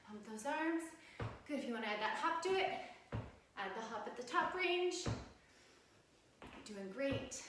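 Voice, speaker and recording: A woman aerobics instructor leading a home workout class, cueing moves and counting reps with encouragement. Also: fairly high pitch. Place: sunny room at home, indoors. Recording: very echoey room, distant mic, faint noise.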